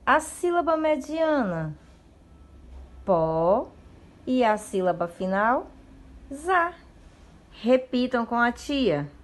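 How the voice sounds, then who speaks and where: Brazilian female teacher, fond and patient with young kids, unhurried delivery, echoey room sound. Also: on the high side, lively intonation. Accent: Brazilian Portuguese. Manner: affectionate, talks to children and spells syllables slowly. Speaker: primary school teacher. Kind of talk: video lesson for young children.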